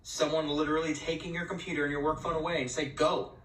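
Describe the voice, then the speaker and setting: A man's voice: fairly high pitch, little pitch movement, fast talker, a bit bright. Wry man in an echoey clip. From New York, United States. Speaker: clip storyteller. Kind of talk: casual short-video storytelling. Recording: echoey phone video from a distance.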